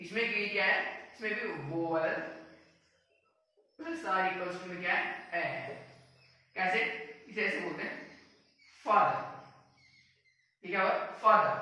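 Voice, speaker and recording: A man with an Indian English accent teaches an English lesson in a bright, ringing voice that sits fairly high. He asks his own questions and answers them, repeating each key word. He is recorded from a distance in a very echoey room. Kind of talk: classroom-style lesson.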